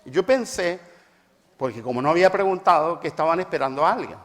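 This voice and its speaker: A man's voice: on the high side, lively intonation, quick pace, a bit bright. A middle-aged man preaching a reflective talk with personal anecdotes, emphatic and repeating phrases for stress, in a hall with a long reverb. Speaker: preacher and family therapist.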